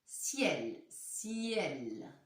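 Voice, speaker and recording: A woman's voice: on the low side, big pitch swings, very slow, echoey room, slight background noise. A woman teacher leading a phonics lesson for young children, spelling out letters one by one and praising the pupils. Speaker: primary school teacher.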